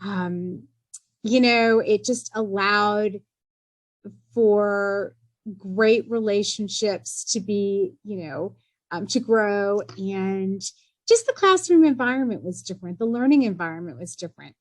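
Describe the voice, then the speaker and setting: On a podcast, a middle-aged woman with a mid-range voice is interviewed as an entrepreneur guest. She speaks earnestly and in a measured way, often filling gaps with "you know" and "um."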